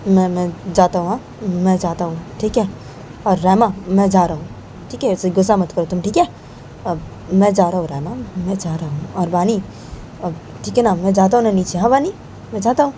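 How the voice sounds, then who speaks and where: A woman's voice: medium pitch, moderate pace, warm tone, a little hiss or hum, natural voice. A woman voicing a young man, a cousin who keeps repeating himself insistently in a homemade story. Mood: apologetic. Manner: repetitive, insistent. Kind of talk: amateur storytelling voice acting.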